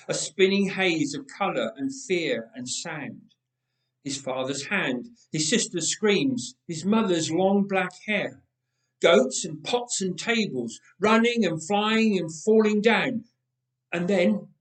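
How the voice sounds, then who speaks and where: A man with a high voice reads a Bible story aloud in a church, performing it dramatically with expressive, deliberate phrasing and emphatic repetition. The church's roomy acoustic gives the recording a noticeable echo.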